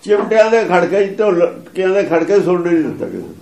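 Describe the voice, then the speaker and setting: A man's voice: high-pitched, expressive, a little fast, gravelly, a little mellow, echoey room. A man giving a sermon that explains scripture, repeating and chanting its lines with emphasis. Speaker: religious preacher.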